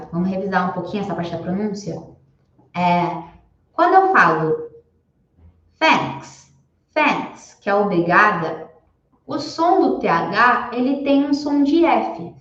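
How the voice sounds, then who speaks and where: A young woman whose first language is Portuguese gives a live online English lesson and patiently repeats her examples slowly. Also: mid-range voice, animated, roomy sound, muffled recording. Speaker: English teacher.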